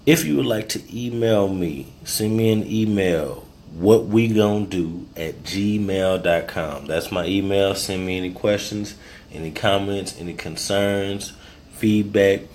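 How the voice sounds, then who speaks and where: A man's voice: low-pitched, a little slow, slight background noise. A man hosting a podcast, talking loose and rambling after a few drinks, freestyling his thoughts. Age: adult, married. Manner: loose, rambling, tipsy and relaxed. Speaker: podcast host. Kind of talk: casual freestyle podcast monologue.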